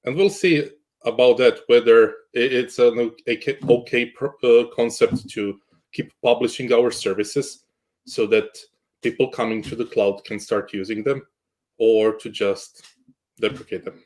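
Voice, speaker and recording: A man's voice: mid-range voice, unhurried, a little mellow. A man from Croatia, a guest in a casual interview chat, good-humored and jokey, often restarting his sentences. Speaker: guest, cloud architect.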